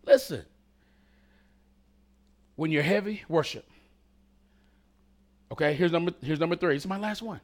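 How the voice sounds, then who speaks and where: A man preaching a sermon, talking directly to the congregation and swinging between loud calls and hushed whispers. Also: on the high side, creaky.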